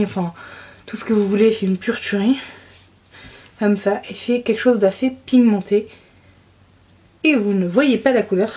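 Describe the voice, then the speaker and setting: Chatty young woman, fairly high voice. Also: dark tone. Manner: chatty, enthusiastic, many fillers and restarts. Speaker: beauty vlogger. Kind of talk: casual monthly favorites chat.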